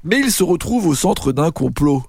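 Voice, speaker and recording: A man co-hosting a podcast, reading film plot summaries slowly and then joking about them. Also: on the high side, very animated, a little mellow, husky, dry recording, clean studio sound. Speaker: podcast co-host presenting films. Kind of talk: casual chat with read-out film pitches.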